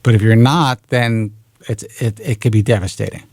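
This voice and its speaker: A man's voice: fairly low pitch, moderate pace, a little mellow, no room sound, studio quality. A man in his forties hosting a radio talk show, talking frankly and bluntly and swearing casually. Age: 40s.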